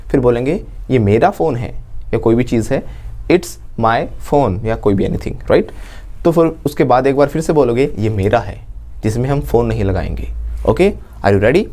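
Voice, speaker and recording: A man's voice: mid-range voice, expressive, moderate pace, mellow. A man teaching a spoken English lesson, drilling phrases and asking students to repeat them.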